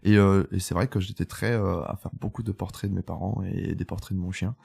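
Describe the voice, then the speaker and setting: His voice is low and steady with vocal fry, a darkish tone and a breathy edge, and he speaks briskly. The man is an Italian photographer in his twenties, native in Italian, appearing as a guest on a casual French-language podcast and telling his story candidly amid many fillers and restarts.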